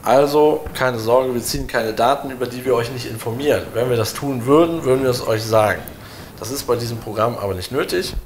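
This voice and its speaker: A man in his forties sits indoors in a room with window blinds, walking viewers through a results screen as he explains poll results. His medium-pitched voice moves a little fast, loose and chatty, full of fillers and restarts. A slight hiss or hum sits under the audio.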